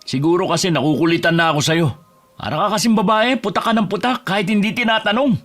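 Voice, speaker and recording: With a mid-range voice and lightly acted delivery, an actor voices a bus driver husband in an audio drama with music behind him. He talks briskly, turning curt, defensive and hostile, snapping and raising his voice to a shout.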